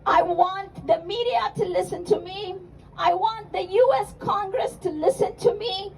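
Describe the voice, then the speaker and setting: A woman's voice: extremely high pitch, measured pace, creaky, darkish tone, a little hiss or hum. A woman speaking as an activist at a rally, delivering an impassioned, emphatic speech with repeated phrases and rhetorical questions. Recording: outdoor rally, distant mic, crowd behind.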